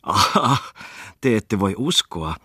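A man reading aloud voices a showy, chattering merchant's wife who speaks Finnish with a foreign lilt, rattling on in a lively, theatrical way. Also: on the low side, husky, no echo, clean studio sound, voice pushed up, full character voice. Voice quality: foreign-sounding Finnish, chirpy and lilting.

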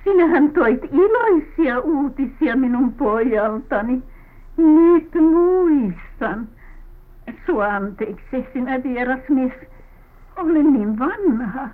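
A woman's voice: sits high, animated. A frail confused old mother. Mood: confused tender. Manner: wavering, forgetful, tearful. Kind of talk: vintage radio drama acting. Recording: tinny old radio broadcast recording.

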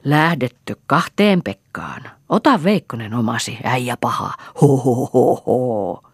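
Man putting on a loud jovial backwoods man. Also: medium pitch, sing-song, breathy edge, no echo, studio quality, full character voice. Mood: mocking. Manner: boisterous, teasing, laughing.

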